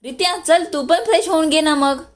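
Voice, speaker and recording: A woman's voice: high voice, moderate pace, voice pushed up, natural voice. A woman voicing a jovial, teasing elder brother in a storybook reading.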